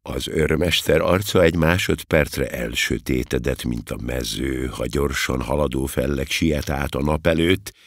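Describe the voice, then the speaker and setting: An older man with an expressive delivery, reading a comic novel aloud as an audiobook narrator. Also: hardly any pauses, no echo, clean studio sound. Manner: expressive, gravelly, deep, with wide swings in pitch.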